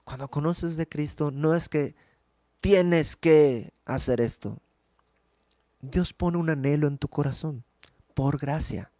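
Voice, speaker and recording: A man's voice: a little high, takes it slowly, warm tone, no room sound. A man teaching a verse-by-verse Bible study in an earnest, emphatic, conversational way.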